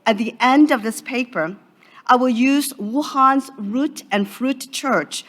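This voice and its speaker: A woman from Hong Kong presenting an academic paper at a conference in a measured, formal way. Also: sits high, a bit bright. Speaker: conference speaker. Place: conference session room.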